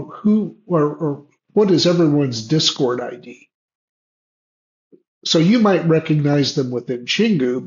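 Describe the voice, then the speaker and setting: Male Q&A host, slightly high voice, halting delivery full of restarts; dull, lo-fi audio with a bad connection that cuts out. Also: a little mellow. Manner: halting, frequent restarts and fillers. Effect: unstable, cutting-out video call connection. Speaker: host of online Q&A session. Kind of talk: casual explanatory talk on a video call. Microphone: video call. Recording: lo-fi choppy online call audio.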